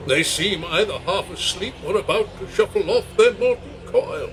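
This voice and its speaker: A man's voice: sits high, animated, normal speed, background noise. A man playing a fretful, put-upon uncle who is the straight man of a comic act. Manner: worried, complaining.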